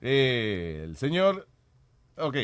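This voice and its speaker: A man's voice: medium pitch, sing-song, very slow, clean tone, no echo. A man hosting a comedic radio show in a studio, brash, profane and exclamatory, switching between Spanish and English. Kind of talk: comedic casual talk, mixing Spanish and English.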